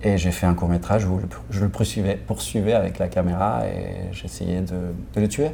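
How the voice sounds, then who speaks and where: Gravelly Argentine man, mellow and low. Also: steady tone, moderate pace, slight background noise. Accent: Argentine Spanish. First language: Spanish. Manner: hesitant, many restarts, laughs often. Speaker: film director. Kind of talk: casual interview answers.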